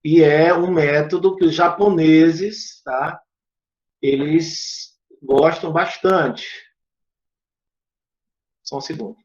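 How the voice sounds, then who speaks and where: A man's voice: fairly high pitch, fairly even intonation, slow pace, pauses often, darkish tone. A man teaching English in an online lesson, explaining step by step and repeating short phrases aloud. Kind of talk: online lesson with screen demo. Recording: echoey room, dull lo-fi sound.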